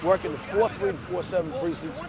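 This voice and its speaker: A man's voice: high voice, brisk, a crowd in the background. A man hosting and narrating a police reenactment in a scripted style, also putting interview questions. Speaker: host and narrator, former police officer. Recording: faint background noise.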